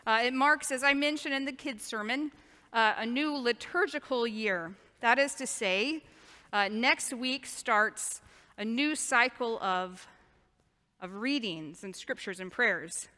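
Woman pastor doing a sermon, bright clear-cut voice, takes her time, churchy reverb. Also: on the high side, slow pace.

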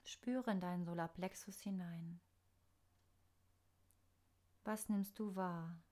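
A woman narrating a scripted guided meditation in a soft, soothing, unhurried manner with pauses. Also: lowish voice, steady tone.

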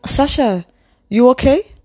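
A woman's voice: high voice, lively intonation, slow, a little mellow, faint music behind, pitched above the performer's own voice, exaggerated voice. A woman reading aloud and voicing an earnest, emotional teenage girl in a storybook. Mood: concerned.

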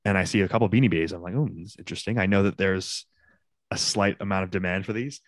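A young man with a fairly low voice, recorded dry with very little room sound. He talks as a podcast co-host, informal and rambling through casual chat. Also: fast, dry recording. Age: young adult.

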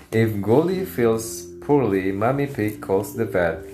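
A man's voice: on the low side, lively intonation, slow, background noise. A man reading a children's story aloud and addressing young viewers in simple words, like a kids show host. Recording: echoey room with music. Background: guitar music.

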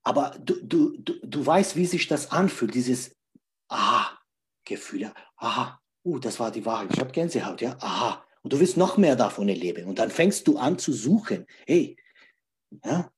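A man's voice: medium pitch, sing-song, normal speed. A man talking as a podcast guest, emphatic, repeating key phrases and checking in with "ja?" again and again. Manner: emphatic, keeps asking "ja?" to check in. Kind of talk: podcast conversation.

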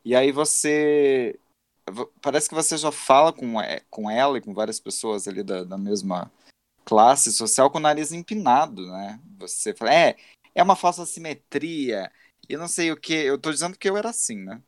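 A man's voice: medium pitch, lively intonation, moderate pace, dry recording, clean studio sound. A man in his thirties with a Brazilian accent, co-hosting a casual podcast chat. He is reflective and self-critical, and he often restarts his sentences. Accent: Brazilian Portuguese. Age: 30s.

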